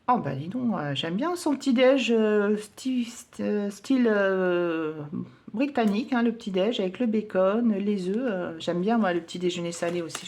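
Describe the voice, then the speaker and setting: A woman's voice: medium pitch, gravelly, darkish tone, a little hiss or hum. A woman vlogger at home, chatting casually and hesitantly with many fillers while counting coins for her budget challenges.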